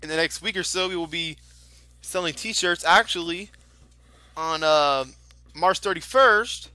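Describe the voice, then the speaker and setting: A man giving ad-libbed lucha libre match commentary in the manner of an excitable wrestling announcer. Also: on the high side, measured pace, dry recording. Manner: excitable announcer, exclaiming at moves.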